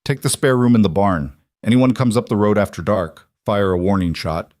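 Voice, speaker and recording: Narrator playing a flat, clipped, protective rancher; low, dry and steady. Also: male voice, normal speed, no room sound, natural voice. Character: stoic, protective rancher man, flat and certain.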